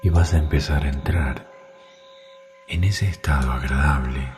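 A man, guiding a sleep meditation in a soft, soothing way, with faint music behind. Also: very deep voice, unhurried. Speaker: meditation guide.

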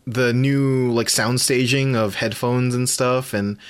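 A young man talks loosely on a podcast, wandering through his stories with frequent laughs. His voice sits at an ordinary middle pitch. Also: steady tone, takes it slowly, smooth. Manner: rambling, laughs often. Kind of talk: casual chat.

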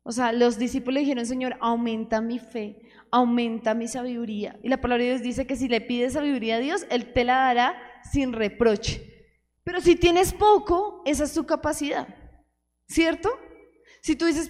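A woman preaching an earnest sermon, asking the congregation questions. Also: sits high. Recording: hall reverb.

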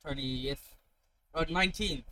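Male podcast co-host, fairly high voice, exclamatory and slangy, loose casual chat with plenty of swearing. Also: takes it slowly, bright, forceful tone.

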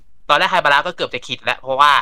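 Bright, fast-talking man. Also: fairly high pitch, smooth, no echo. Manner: retells plots at length, acting out quoted lines. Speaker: podcast panelist. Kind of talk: casual chat.

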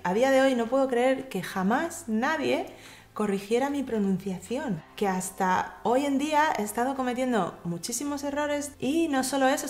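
A woman gives a lively, direct tutorial on English pronunciation straight to the viewer. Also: fairly high pitch, roomy sound. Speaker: English pronunciation teacher and YouTube host. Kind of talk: casual tutorial talk to camera.

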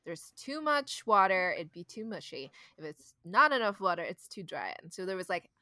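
A woman's voice: lowish voice, very animated, bright, forceful tone, dry recording, studio quality. A woman in casual chat, talkative and curious, often asking questions. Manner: chatty, curious, quick to ask questions.

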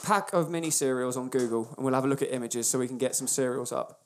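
A man's voice: mid-range voice, fast. A man with a British accent in casual comic banter as a podcast co-host, sweary and mock-indignant.

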